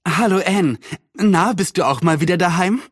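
A man's voice: high-pitched, normal speed, husky, no echo, studio quality, voice pushed up. A man voicing a prim, nosy middle-aged woman neighbor who sounds a little disapproving and fussy. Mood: friendly prim.

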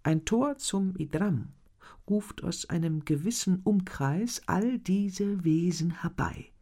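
A narrator voicing a grave male duke who teaches magic in slow, deliberate lecturing, in an audiobook reading. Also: medium pitch, mellow, pitched above the performer's own voice.

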